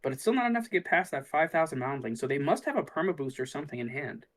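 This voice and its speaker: A man's voice: on the high side, big pitch swings, rapid-fire. A man casually commentating on a card game tournament, musing aloud about the plays as they happen. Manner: thinks aloud, musing and easygoing.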